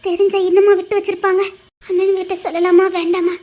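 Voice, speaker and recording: A young sister with a Tirunelveli Tamil accent, in a very high, tearful voice. She sobs and pleads, her words breaking between crying and laughter. The scene comes from a televised family drama. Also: flat delivery, quick pace, warm tone. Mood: shaken. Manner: sobbing, pleading, breaking into laughter through tears. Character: young sister, long believed orphaned, weeping. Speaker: actor in a TV serial. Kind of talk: TV serial acting.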